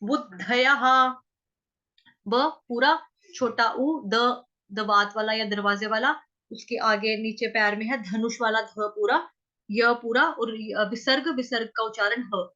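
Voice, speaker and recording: Woman chanting teacher, slow patient drilling, bright tone; muffled online-class audio. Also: on the high side. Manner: slow syllable-by-syllable drilling, repeating words many times. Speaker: Sanskrit recitation teacher.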